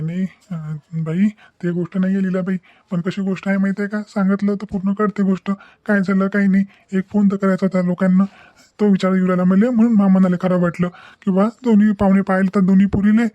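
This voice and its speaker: A man voicing a worried, tearful village father, speaking slowly and solemnly in a cartoon. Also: high voice, flat delivery, warm tone, no room sound, muffled recording, lightly acted. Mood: tender. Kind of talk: cartoon voice acting.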